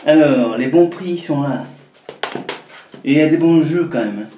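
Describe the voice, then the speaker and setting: A man's voice: on the high side, a little slow, warm tone. A man with a southern French accent, casually reading out game titles and adding nostalgic remarks. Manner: reads game titles aloud, nostalgic asides. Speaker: flea market seller co-host. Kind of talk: casual live unboxing chat. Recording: echoey room, far from mic, noisy.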